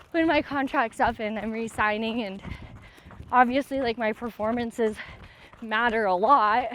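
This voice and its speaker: A woman's voice: fairly high pitch, a bit bright, slight background noise. A woman talking casually while running outdoors, in an informal, hesitant way full of fillers. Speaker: athlete and vlog host. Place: outdoors, on a run.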